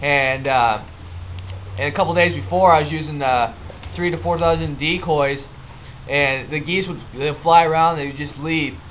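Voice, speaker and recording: A man's voice: fairly high pitch, steady tone. Man on muffled, lo-fi audio, explaining casually. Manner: halting, informal, plain-spoken. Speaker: hunting instructor. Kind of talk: casual unscripted how-to explanation. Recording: muffled phone-like lo-fi audio, background noise.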